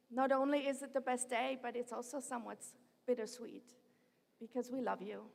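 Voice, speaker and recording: Gravelly-voiced woman giving a heartfelt commencement speech. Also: a little high. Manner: heartfelt and personal, drifting off script. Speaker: university president. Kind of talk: commencement address. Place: large commencement venue. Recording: long reverb of a large hall.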